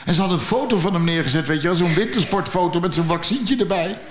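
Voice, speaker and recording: Dutch-accented man, stand-up storytelling, blunt and profane, high voice, roomy echo, faint ambience. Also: lively intonation, fast. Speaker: stand-up comedian.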